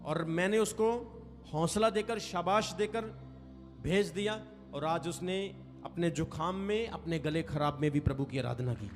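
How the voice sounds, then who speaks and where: A man preaching a sermon has a fairly high voice and a slightly slow delivery. Key phrases get stressed and stretched as he calls for the congregation's responses, and faint music sounds in the reverberant hall around him.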